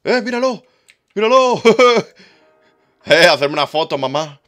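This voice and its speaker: A young man with a Spain Spanish accent, livestreaming a game in excitable, teasing casual chat. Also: high-pitched, takes it slowly, faint music behind. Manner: excitable, laughs loudly, teasing. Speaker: streamer. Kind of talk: casual live gaming chat.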